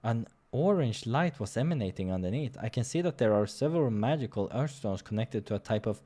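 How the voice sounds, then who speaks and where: Reading a visual novel aloud in a gaming playthrough, a man speaks briskly with a warm, mid-range voice and lively intonation. He occasionally trips over lines and fixes them, and throws in casual asides along the way.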